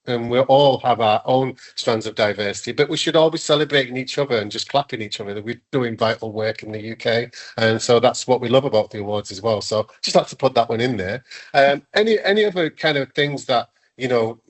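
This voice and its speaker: A man hosting a video-call webinar as founder of an awards, chatting enthusiastically with many restarts and fillers. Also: mid-range voice. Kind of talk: casual webinar chat.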